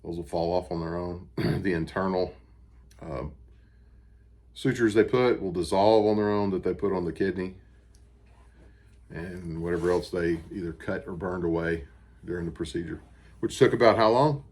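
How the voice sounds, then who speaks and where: An American man giving a casual personal video update, talking in a plain, unhurried and somewhat halting way. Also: low voice, a little mellow. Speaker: vlogger recovering from surgery. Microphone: camera on a stand with ring light.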